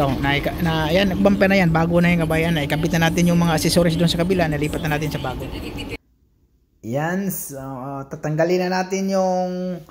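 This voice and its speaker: Man, from the Philippines, high voice, casual repair-shop vlog, chatty, keeps addressing viewers as countrymen. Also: noisy background. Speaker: auto body repair vlogger. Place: auto body shop.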